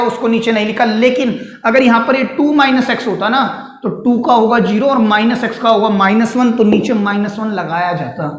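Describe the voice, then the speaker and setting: This maths teacher has a very high-pitched, slightly bright voice and works through the lesson step by step at a board in a classroom. He asks his students questions and answers them himself, addressing them as "beta" and "sir", with an echoey room around him.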